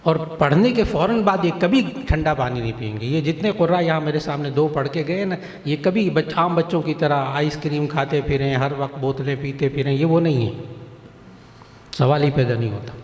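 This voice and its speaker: A man's voice: fairly high pitch, normal speed. A male cleric explaining a point to an audience at a recitation contest, repeating key phrases and acting out examples to show what he means. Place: large mosque hall. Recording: echoey hall with long reverb.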